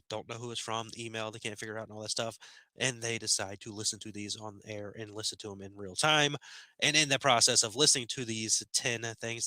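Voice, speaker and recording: A movie review channel host gives a casual spoken film review, laid-back and chatty, saying "man" a lot. His bright, dry voice sits on the low side and sounds slightly nasal as he gets over a sickness. He wears headphones at a desk podcast mic, and the recording is dry with poor audio.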